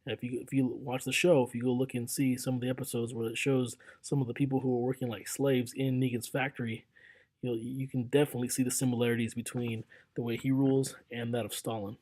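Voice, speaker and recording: A man's voice: mid-range voice, little pitch movement, fast talker, darkish tone. A young man lecturing casually over slides as a history teacher, talking in a loose, conversational way with fillers and restarts.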